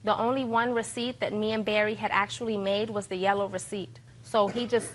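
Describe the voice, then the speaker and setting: A woman's voice: medium pitch, steady tone, a little fast, low-quality recording. A woman explaining her side insistently and repetitively as a defendant on a TV court show. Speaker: defendant in TV small-claims court. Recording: faint background room noise.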